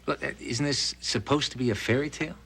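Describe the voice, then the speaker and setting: An actor playing a doctor who gently teases his partner, in a 1980s daytime soap. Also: mid-range voice, fast, gravelly, slight background noise. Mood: teasing. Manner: gently teasing. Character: male doctor, dry-humored and fond.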